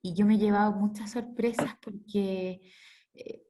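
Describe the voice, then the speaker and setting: A woman's voice: mid-range voice, fairly even intonation, a little slow, warm tone. A woman, a volunteer storyteller sharing her classroom experience in a training session, hesitant and full of fillers.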